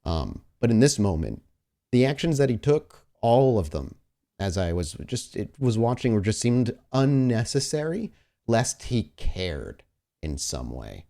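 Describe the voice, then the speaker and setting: A man with a fairly low, warm voice marked by vocal fry speaks a little slowly but very animatedly. As game master of a tabletop roleplaying game, he addresses his player directly, combining conversational, descriptive improvised narration with casual table talk.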